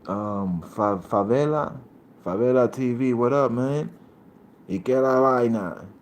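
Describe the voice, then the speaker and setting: A man in his thirties from Puerto Rico hosting a casual livestream, rambling in streetwise slang and shouting out viewers by name. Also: medium pitch, slow pace. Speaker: livestream host.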